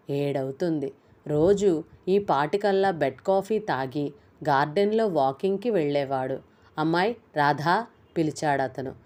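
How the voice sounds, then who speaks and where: A woman narrating a novel chapter in a steady, even storytelling voice. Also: low voice. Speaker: audiobook narrator. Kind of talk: reading a novel aloud.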